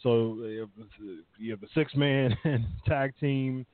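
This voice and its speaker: Calling in by phone, a man chats casually about wrestling, rambling and leaning heavily on "uh" and "you know." His medium-pitched voice stays steady at a slow pace. The thin, dry line has no room sound and keeps cutting in and out.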